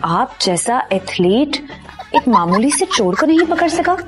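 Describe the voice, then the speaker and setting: A woman's voice: a little high, sing-song, a little slow, over music. An actress playing a sarcastic young woman who teases a man in a TV drama. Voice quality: dry, sarcastic. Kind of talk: TV drama acting.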